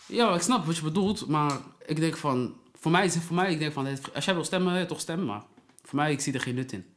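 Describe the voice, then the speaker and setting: Young guy, laid-back slangy banter with friends, talks fast. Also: a little high. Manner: relaxed street slang, frequent "bro" and "toch". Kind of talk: casual chat among friends.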